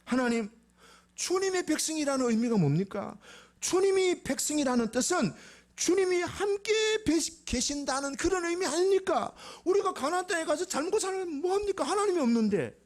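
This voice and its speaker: Pastor voicing tearful pleading prophet, high. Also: male voice, expressive, normal speed. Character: pleading male prophet, older, desperate and earnest.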